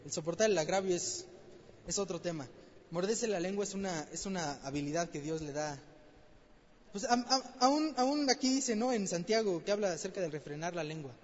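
A man with a very high voice preaches a conversational sermon, repeating key words and asking the congregation question after question. His voice rings with a long hall reverb. The recording sounds dull and lo-fi. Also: expressive, normal speed.

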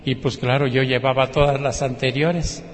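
A man's voice: medium pitch, steady tone, moderate pace, long reverb tail, background noise. A man with a Mexican Spanish accent giving a spoken religious testimony, telling his story and acting out other people's words. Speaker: testimony speaker.

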